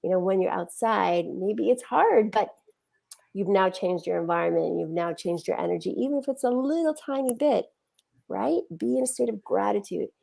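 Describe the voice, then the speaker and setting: A woman giving a conversational talk on healing, animated and acting out quoted feelings as she speaks. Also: medium pitch, normal speed, gravelly.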